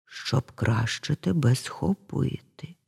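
A woman voicing a sly male wolf posing as a grandmother in a fairy tale, speaking low and hushed. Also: lively intonation, slow, vocal fry, breathy edge, big-room sound, full character voice.

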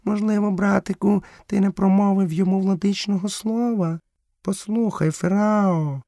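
A man voicing a gentle, modest female panther in an audiobook, with a soft, coaxing, hushed manner. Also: high-pitched, fairly even intonation, normal speed, vocal fry, no echo, studio quality, voice pushed up. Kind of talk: audiobook character voice.

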